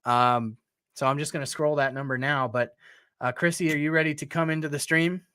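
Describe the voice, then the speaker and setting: A man's voice: a little high, steady tone, brisk, pushed and bright, smooth, dry recording, clean studio sound. A man hosting a live call-in stream, talking casually with many fillers and restarts. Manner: chatty, frequent fillers and restarts. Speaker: podcast host.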